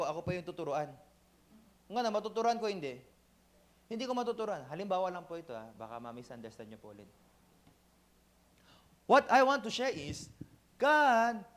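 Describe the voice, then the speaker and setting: A pastor delivers an animated sermon in a high, swooping voice. He jumps between two languages and acts out small scenes, asking the room for an "Amen" along the way. It sounds like a church service. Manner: animated preaching, switching between two languages, acting out dialogues; asks the congregation "Amen?".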